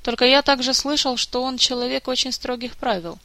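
A woman's voice: high-pitched, steady tone, a little fast, pushed and bright, no room sound, voice pushed up. A woman voicing a cheerful, teasing adult male elf who chats with easy mockery. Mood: easygoing. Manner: playful, mildly mocking.

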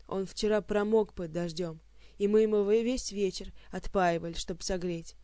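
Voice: medium pitch, normal speed, dark tone, clean tone, no room sound, lightly acted. Anxious timid young man in an audiobook , read by the narrator, dry. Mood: worried. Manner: anxious pleading.

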